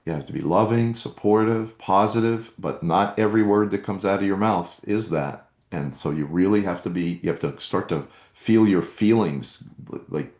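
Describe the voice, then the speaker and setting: Man, deep low voice, earnest coaching host, echoey room. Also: darkish tone. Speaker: meditation workshop host. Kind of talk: live-streamed workshop talk, reading chat comments.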